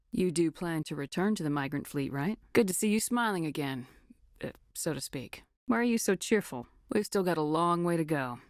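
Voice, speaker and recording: An actress voicing a tough, no-nonsense female starship commander in a video game, with a firm, measured, authoritative delivery. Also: sits low, no room sound, clean studio sound. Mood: resolute, then supportive. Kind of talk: video game dialogue acting.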